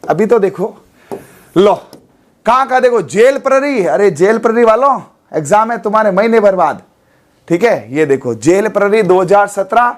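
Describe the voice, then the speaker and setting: A man teaching an exam-prep class, hoarse from a sore throat, quizzing students and repeating memory tricks. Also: high-pitched, animated, normal speed. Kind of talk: animated online exam lesson.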